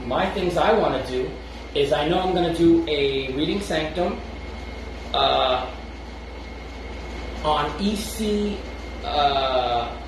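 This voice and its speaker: A fairly high-voiced Brooklyn man, a podcast co-host, chats casually off-mic in a very echoey, noisy room. He rambles, restarts often, and chuckles between thoughts, heard from a distant mic.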